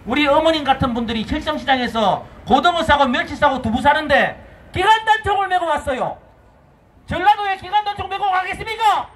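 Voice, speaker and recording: A man with a Daegu Gyeongsang accent giving a fiery political rally speech outdoors, shouting slogans and firing rhetorical questions at the crowd. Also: very high-pitched, lively intonation, a little fast. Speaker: rally speaker. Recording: echoey outdoor street, long reverb, faint noise.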